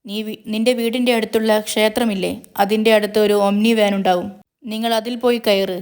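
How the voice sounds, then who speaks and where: A woman's voice: mid-range voice, steady tone, fairly quick, a little mellow, clear, resonant tone, close to an everyday voice. A woman voicing a male villain who mocks and threatens over the phone. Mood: taunting. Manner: mocking, taunting, threatening. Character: menacing male villain, gloating kidnapper.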